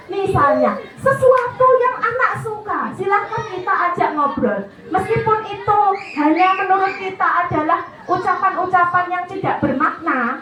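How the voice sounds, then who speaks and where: A woman with a Javanese accent giving a chatty, animated parenting talk to parents, dropping into Javanese phrases. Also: very high-pitched. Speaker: parenting seminar speaker. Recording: echoey hall, distant mic, noisy.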